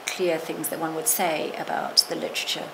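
Sitting in a small lecture room, a middle-aged literature professor gives a reflective interview in a low-pitched, creaky voice. Her delivery is flat and a little fast, broken up by restarts and qualifying asides. Room noise is audible throughout the recording.

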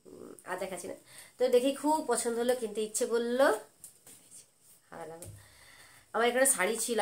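A young adult woman vlogging casually from home, talking in a quick, rambling, chatty way as she shows what she bought. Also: medium pitch. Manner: rapid, chatty, rambling talk. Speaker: lifestyle vlogger. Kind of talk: casual home vlog chat. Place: indoors at home, fan running.

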